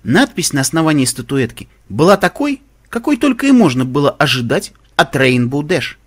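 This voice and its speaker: A male narrator reads a first-person audiobook with an expressive, emotional delivery. His voice is husky and a little high for a man. He carries the story with strong feeling. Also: normal speed. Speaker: audiobook reader.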